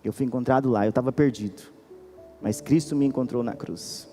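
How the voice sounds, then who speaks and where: A man with a Brazilian Portuguese accent preaching a sermon as pastor, earnest and pleading, moving between quiet and insistent. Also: mid-range voice, a little fast, in a large hall, faint music behind. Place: church hall.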